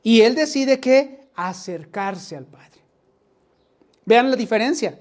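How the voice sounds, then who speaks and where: A man's voice: very high-pitched, animated, slow pace, darkish tone. A man with a Mexican accent preaching a sermon, often turning to his listeners with rhetorical questions. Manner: addresses the congregation with rhetorical questions.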